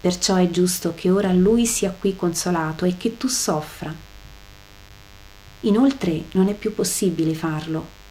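A woman reading aloud the lines of an old patriarch who answers with calm, solemn admonition. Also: on the low side, measured pace, natural voice. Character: grave, calm old patriarch passing judgment.

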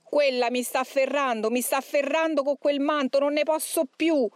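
A woman's voice: high-pitched, steady tone, moderate pace, no room sound, clean studio sound, pitched above the performer's own voice, lightly acted. A woman voicing a raging male demon who screams, mocks and sobs with rage, read aloud from an exorcism account. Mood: sobbing rage.

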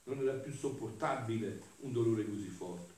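A man, a friar, giving an earnest homily that swings between fervent reading and hushed asides. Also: lowish voice, moderate pace. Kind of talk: sermon. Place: large church. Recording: very echoey church, from far off.

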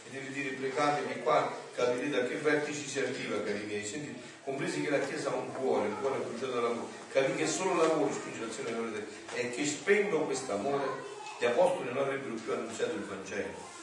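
A man, a friar, teaching a community in an animated way, reading passages aloud and joking with his listeners. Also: medium pitch, a little fast, background noise. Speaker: friar preacher. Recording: echoey room recorded from far off.

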